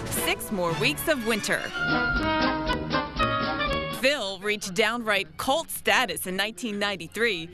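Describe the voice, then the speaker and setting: A woman's voice: medium pitch, lively intonation, takes it slowly, long pauses, rough recording. A woman reading scripted narration for a television news feature. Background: loud music.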